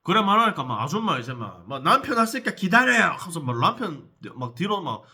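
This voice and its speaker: Lively, bright-voiced man. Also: fairly high pitch, brisk. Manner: heated, profane, addresses viewers directly. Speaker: vlogger telling a personal story. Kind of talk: animated storytelling vlog.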